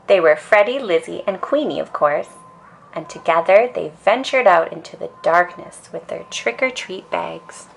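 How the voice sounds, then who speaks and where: A woman reading a children's story aloud in an expressive bedtime storytelling style. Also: lowish voice, moderate pace, gravelly, slight background noise, rough recording.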